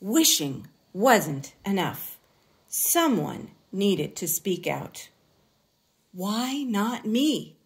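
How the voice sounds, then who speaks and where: A woman reading a children's story aloud expressively, in a deliberate way with dramatic pauses. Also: mid-range voice, very animated. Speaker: picture book reader.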